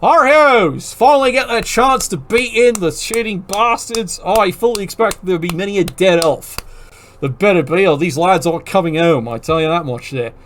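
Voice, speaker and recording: A man with a high-pitched voice runs through a league roundup in an easygoing, chatty way. His delivery is sardonic and peppered with profane ribbing of the coaches. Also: lively intonation, moderate pace, a bit bright, a little hiss or hum. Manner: sardonic, profane trash-talking banter. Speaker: league commentator. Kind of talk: casual league roundup commentary.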